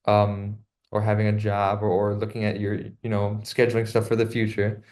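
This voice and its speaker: A young man, a student co-host in casual talk, relaxed and full of fillers. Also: fairly low pitch, moderate pace. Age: young adult. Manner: relaxed, many fillers like 'um' and 'you know'. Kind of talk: casual podcast conversation.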